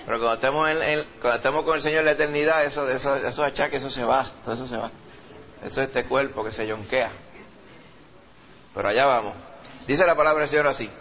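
A male pastor with a Puerto Rican accent who leads a sermon, reads scripture slowly with rising emphasis, and prays fervently, repeating "Señor" and "Padre". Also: medium pitch, a bit bright, lo-fi sound, slight background noise. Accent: Puerto Rican Spanish. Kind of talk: sermon with scripture reading and prayer.

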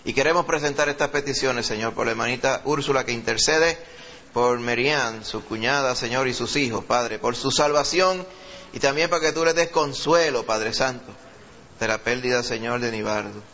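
Bright-voiced Puerto Rican pastor preaching. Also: male voice, medium pitch, highs cut off, slight background noise. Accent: Puerto Rican Spanish. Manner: fervent, reads scripture slowly with rising emphasis; pleading prayer with repeated "Señor" and "Padre". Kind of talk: sermon with scripture reading and prayer.

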